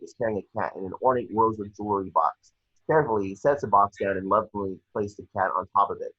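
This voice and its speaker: A man reads scene descriptions as scripted narration for an amateur table read, handling the action lines. His voice is fairly low and a bit bright, with a breathy edge. The lo-fi microphone gives a dull sound.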